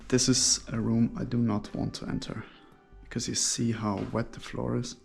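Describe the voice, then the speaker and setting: A man speaks casually through a face mask in a musing, hushed way, narrating his solo exploration for viewers. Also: medium pitch, flat delivery, normal speed, gravelly, husky, soft background music. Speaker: solo urban explorer vlogger. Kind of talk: casual exploration commentary to camera. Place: inside an abandoned hotel's rooms.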